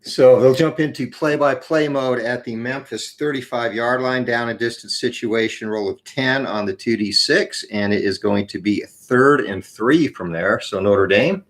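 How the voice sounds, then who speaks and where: A man hosting a tabletop college football game, explaining rolls and play results with frequent pauses and a morning voice. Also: medium pitch, rough recording. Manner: explains rules and dice rolls, many "uh" pauses. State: morning voice, clears throat.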